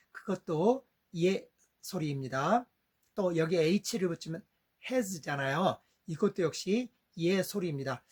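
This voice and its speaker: A middle-aged man, a father, giving a patient step-by-step lesson on English vowel sounds and saying example words slowly. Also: fairly high pitch, breathy edge.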